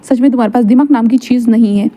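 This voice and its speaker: A woman voicing a sulking young man who scolds his lover with sarcastic, sharp remarks. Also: fairly high pitch, quick pace, natural voice. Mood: scolding.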